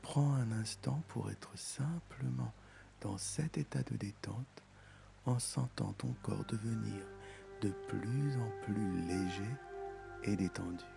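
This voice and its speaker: A man guiding a meditation in a soft, soothing, intimate voice, as if speaking right into your ear. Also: fairly low pitch, slow, creaky. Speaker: meditation guide. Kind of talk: guided meditation. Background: music.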